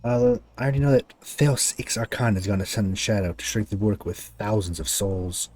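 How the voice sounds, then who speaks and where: A man's voice: fairly low pitch, fairly even intonation, fairly quick, darkish tone. A man narrating his video game playthrough, reading the story text aloud with casual asides.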